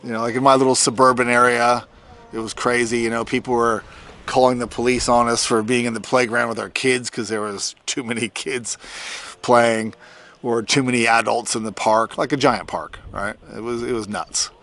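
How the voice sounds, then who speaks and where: A man's voice: mid-range voice, little pitch movement, moderate pace, fairly bright tone. Casual fifty-year-old man talking to camera. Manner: informal, conversational. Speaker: tattoo artist vlogger. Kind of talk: casual update talk to camera. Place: outdoors in a farm front yard.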